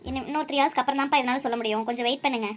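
A woman playing a calm, firm cartoon doctor. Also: high voice, racing, voice pushed down. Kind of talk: cartoon voice acting.

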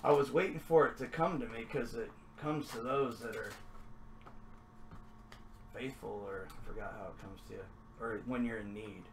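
A man's voice: medium pitch, moderate pace, long pauses, slight background noise. A man hosting a trading card break, chatting casually as he opens packs, upbeat and then mumbling to himself. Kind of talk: casual card-opening commentary.

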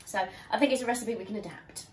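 A woman's voice: medium pitch, fast talker, slight background noise. A woman from Sussex, chatting playfully as host of a home vlog in her kitchen. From Sussex, England. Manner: chatty and playful, with bursts of laughter. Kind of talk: casual home vlog chat.

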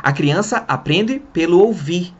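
A man's voice: high-pitched, animated, measured pace, slightly rough, dull audio. A man with a Brazilian accent, an English teacher who teaches through rhetorical questions in an online lesson. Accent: Brazilian Portuguese.

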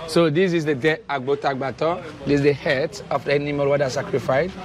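Higher-voiced Beninese man guiding a tour. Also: steady tone, a crowd in the background. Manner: halting non-native English with simple phrasing. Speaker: temple tour guide. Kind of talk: explanatory guided tour. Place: outdoors in a temple courtyard. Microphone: clip-on lavalier.

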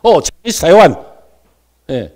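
A middle-aged Taiwanese man giving a classroom lecture, with quiet asides and sudden loud stressed words, having the class repeat terms after him. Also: fairly high pitch, very animated, measured pace.

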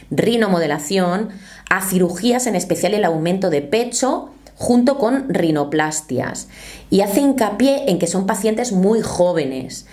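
A woman with a fairly low, slightly mellow voice comments for YouTube from a small home studio. She speaks to camera in an earnest, explanatory way, reads quotes aloud and gestures with her hands.

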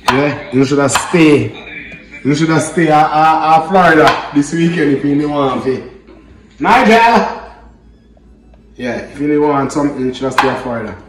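Expressive and a little high, this man speaks at a moderate pace with long pauses, and music plays underneath. He's a Jamaican-accented host in his thirties from Jamaica, bantering in a relaxed, patois-flavored way on a casual cooking vlog shot in his home kitchen. A distant camera mic captures the echoing room and clear background noise.

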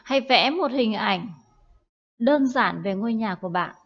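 Woman, English teacher, recorded lesson, slightly high pitch, drills words aloud. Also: animated. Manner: explains slowly, with fillers, and repeats words for drill. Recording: dull lo-fi audio.

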